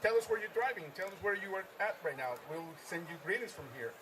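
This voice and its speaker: Hosting a live stream from a trade-show floor, a man reads viewer comments aloud and upbeatly echoes his guests' answers. His voice is high-pitched, expressive and fast, with noise in the background.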